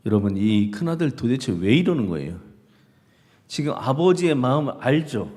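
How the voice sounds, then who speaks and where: A man's voice: medium pitch, very animated, normal speed, a little mellow. A male pastor preaching a sermon in a church, emphatic and full of rhetorical questions to the congregation. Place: church sanctuary. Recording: long reverb of a church hall.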